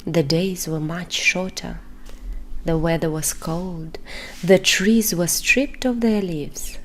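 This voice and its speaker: Woman whispering a bedtime story, very slow, faint hiss behind. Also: lowish voice. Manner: soft, unhurried whisper.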